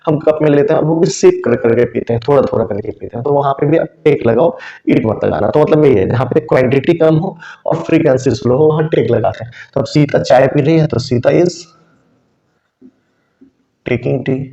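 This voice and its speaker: A man's voice: medium pitch, moderate pace, gravelly, warm tone. A man teaching a spoken English lesson, explaining step by step with examples and answering his own questions. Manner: asks questions and answers them himself. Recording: dull, lo-fi recording.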